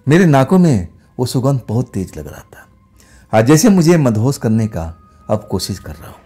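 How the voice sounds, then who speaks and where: A male horror storyteller with a husky, dark-toned voice that rises and falls dramatically. He builds suspense in a first-person ghost tale and keeps sinking into hushed tones, with faint music behind him. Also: mid-range voice, big pitch swings, normal speed.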